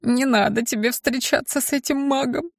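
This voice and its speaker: A woman's voice: high voice, moderate pace, gravelly, no room sound, studio quality, pitched above the performer's own voice. A woman voicing a fussy, guilty little male imp servant who pleads and whimpers. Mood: whimpering. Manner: whiny, pleading.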